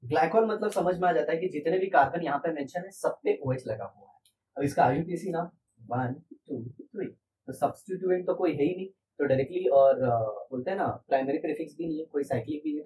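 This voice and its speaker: A man's voice: on the high side, warm tone, far from the mic, slight background noise, low-quality recording. A man teaching a chemistry lesson, patient and repetitive, asking his class rhetorical questions. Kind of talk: classroom lecture.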